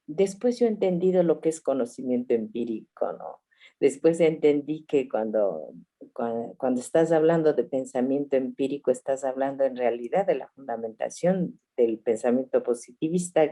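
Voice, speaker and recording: Over a video call, a family doctor from Ecuador in her sixties reflectively tells her story with soft laughs. She has a bass voice.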